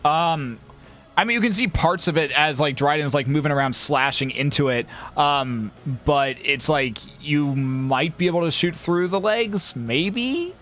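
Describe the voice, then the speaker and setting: A man's voice: on the high side, expressive, measured pace, a bit bright, slight background noise. A man running a tabletop game as game master over online group voice chat, narrating loosely with many fillers.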